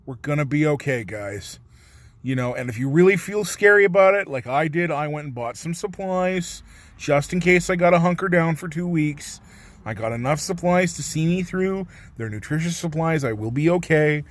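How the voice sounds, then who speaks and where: A man's voice: on the high side, animated, normal speed. A man talking earnestly to camera in a casual vlog, rambling and swearing a little as he reassures viewers. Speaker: vlogger.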